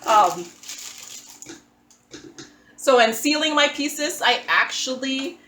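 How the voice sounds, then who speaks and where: Her high, bright voice is lively in intonation but slow and a bit pushed as this Filipina crafting host chats in a casual voice-over about her craft setup. She's self-deprecating and restarts in small bits while working at an indoor table. The recording is low quality, roomy, and has slight background noise.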